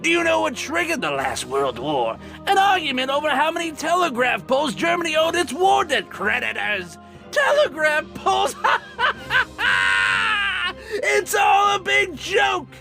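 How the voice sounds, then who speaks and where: A man playing a gleefully mad, bitter villain in a theatrical dramatic monologue, taunting with a gravelly, sharp-edged voice. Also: very high-pitched, big pitch swings, normal speed, few pauses, full character voice. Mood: manic, ranting. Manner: theatrical, swooping from hushed menace to manic shrieks. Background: music.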